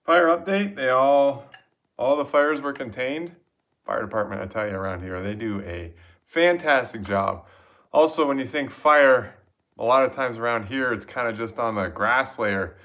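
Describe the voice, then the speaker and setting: A man's voice: fairly low pitch, pushed and bright. Folksy man chatting while he works. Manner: chatty, folksy, self-mocking. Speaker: vlogger building a log cabin. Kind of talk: casual narration while working. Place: outdoor building site.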